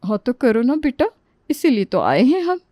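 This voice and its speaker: A woman voicing a calm, soft-spoken middle-aged mother of a groom in a cartoon story. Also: high-pitched, normal speed, dry recording, clean studio sound.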